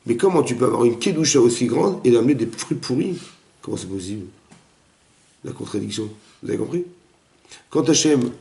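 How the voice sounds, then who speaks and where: A man, a rabbi, giving a lively interactive Torah class, quizzing his students and acting out the dialogue. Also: mid-range voice, gravelly. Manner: animated, questions the students, acts out dialogue. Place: echoey room with students. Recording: roomy echoey room recording.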